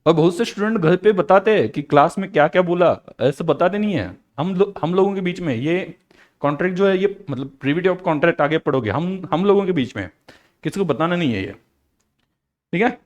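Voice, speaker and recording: A man's voice: high-pitched, expressive, normal speed, muffled recording. A man teaching accounts in a live online lecture, playful and joking, with English phrases mixed in.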